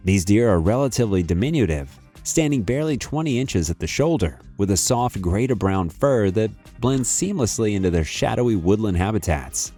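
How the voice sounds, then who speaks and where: Low-pitched man narrating a nature documentary over music. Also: expressive, normal speed, dark tone.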